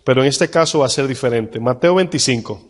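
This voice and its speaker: Male pastor mid-sermon, reads verses slowly with weight; church hall reverb. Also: medium pitch. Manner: asks the congregation questions, reads scripture slowly.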